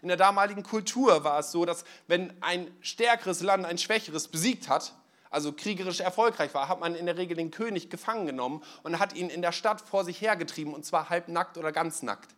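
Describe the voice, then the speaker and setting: A man with a notably high voice preaches a relaxed, storytelling sermon. He talks straight to his congregation in a church service. He keeps it casual, with easy fillers and everyday phrasing. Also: brisk. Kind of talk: conversational sermon.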